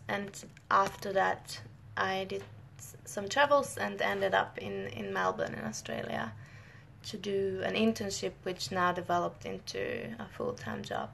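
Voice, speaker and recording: In a creaky, mid-range voice with a little hiss or hum in the audio, a young woman from northern Italy chats with her live-stream audience. She's a scientist and native Italian speaker, friendly and talkative, frequently starting sentences over and letting out short laughs during the Q&A.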